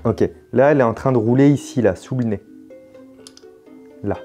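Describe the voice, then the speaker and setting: A man's voice: mid-range voice, normal speed, warm tone, faint music behind. A French man hosting a puzzle video, thinking aloud casually as he works, with jokes and mild swearing. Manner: casual, swears in surprise, jokey.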